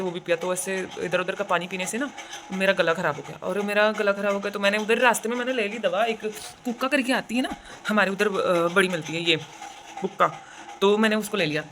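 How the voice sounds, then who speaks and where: A young woman from India chatting casually in a vlog, telling stories, with a sore throat and a cough now and then. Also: medium pitch. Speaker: vlogger.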